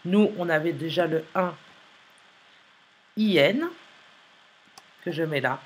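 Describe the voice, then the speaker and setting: A woman teacher, slowly dictating a sentence and spelling out letters in a phonics lesson. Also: sits low, slight background noise. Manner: slow, careful dictation, repeating and spelling letters aloud.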